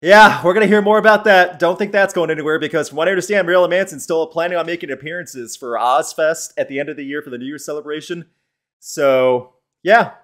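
A man hosting a live-streamed podcast, talking in a chatty, opinionated way and answering the chat as he goes. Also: on the high side. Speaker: podcast host.

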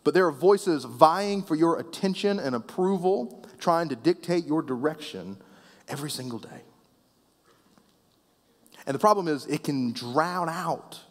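A man preaching a sermon as pastor, conversational and playful with the congregation, often dropping soft and low at the ends of phrases. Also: unhurried. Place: church sanctuary. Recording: long reverb of a church hall.

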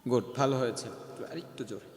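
A male Quran recitation teacher teaching a class. He questions his pupils and then slowly chants each word as a model for them. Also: medium pitch, darkish tone. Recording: echoey hall with long reverb.

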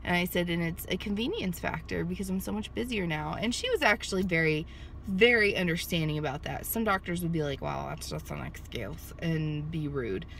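A thirties-aged vlogger talks casually to her phone camera from a parked car in a sunny lot, holding the phone at arm's length and rambling with lots of fillers and restarts. Her lowish voice is gravelly, a bit bright, expressive and a little fast, with slight background noise.

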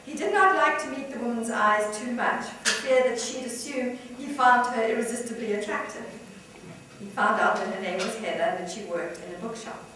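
Woman, novelist, reading her own fiction, amused, fairly high voice, distant mic. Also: a little fast, background noise. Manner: warm, amused, with light laughter between passages. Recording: echoey room, far from mic.

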